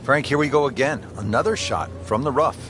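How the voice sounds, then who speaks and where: A man doing golf play-by-play in a measured, understated broadcast commentator manner. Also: mid-range voice, background noise, natural voice.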